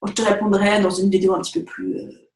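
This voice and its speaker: A woman talking casually to the camera as a vlogger and photographer, chatty and animated, filling her talk with asides and fillers. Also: medium pitch, quick pace. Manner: chatty, animated, direct address with many fillers. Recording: echoey room.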